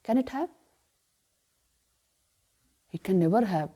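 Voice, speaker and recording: Warm, mellow, and a little husky, a woman's medium-pitched voice guides a retreat class on scripture. As a spiritual teacher she is animated, firmly answering her own rhetorical questions and at times slowing to chant the verses.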